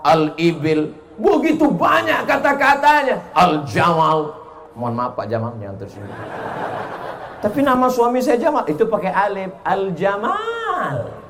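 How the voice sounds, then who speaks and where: Animated high-voiced joking preacher man. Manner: animated, joking, slips into chuckles. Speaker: Islamic preacher. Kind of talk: humorous religious lecture.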